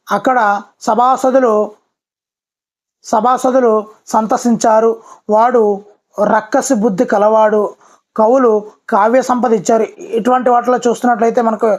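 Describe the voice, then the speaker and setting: A teacher giving a brisk voice-over exam-prep lesson, often repeating key words and addressing viewers politely. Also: medium pitch.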